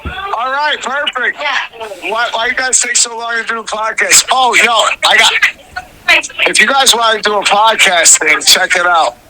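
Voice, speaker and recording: A drunk man calling in, heard over a speakerphone, loud and rambling, unable to hear the hosts. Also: extremely high pitch, a little slow. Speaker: phone-in caller. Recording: noisy speakerphone call.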